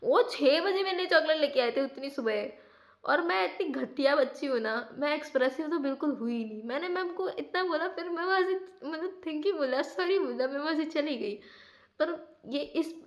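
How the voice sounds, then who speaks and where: A woman's voice: sits high, moderate pace. A young woman vlogging casually, telling a personal story in a chatty way, dropping English phrases and saying "like" often. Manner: chatty, mixes in English phrases, says "like" a lot.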